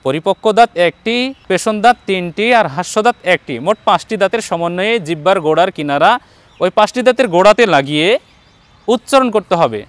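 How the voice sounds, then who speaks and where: A man's voice: sits high, expressive, fast, dry recording. A man with a Bangladeshi Bengali accent, teaching Quran letter pronunciation online and patiently repeating each sound for his students.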